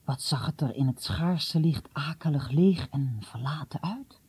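A woman reading a story aloud in a hushed, often half-whispered, suspenseful way. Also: deep voice, expressive, unhurried, breathy edge. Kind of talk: dramatic read-aloud storytelling.

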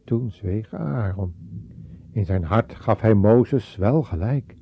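Slow husky man telling a Bible story. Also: on the low side. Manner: slow, dramatic storytelling with raised voices for quotes. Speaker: narrator. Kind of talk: scripted Bible story narration. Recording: dull, lo-fi.

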